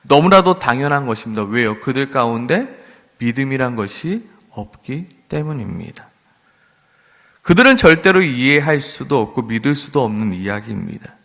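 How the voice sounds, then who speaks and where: A man's voice: mid-range voice, creaky, fairly bright tone, in a large hall. A man preaching a sermon as pastor, earnest, sometimes acting out mocking voices.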